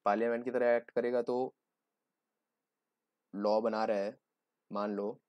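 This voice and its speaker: A man's voice: lowish voice, level tone, unhurried, no echo, dull audio. A young man giving a joking, conversational exam-prep lecture, explaining with everyday examples. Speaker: teacher.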